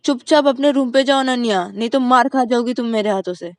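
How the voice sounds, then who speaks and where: A woman's voice: on the low side, normal speed, no room sound, natural voice. A woman voicing a strict middle-aged mother who scolds and orders. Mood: scolding. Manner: loud, scolding.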